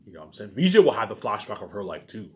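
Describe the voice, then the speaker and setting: A male vlogger rants to camera, unscripted and agitated, rambling, repetitive and profane, often tripping over and repeating his words. His lowish, darkish voice swings widely in pitch and comes out rapid-fire.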